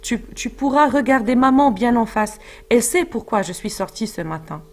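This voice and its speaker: A woman teacher reading out the lines of a calm young princess, soothing and consoling. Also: fairly high pitch, normal speed.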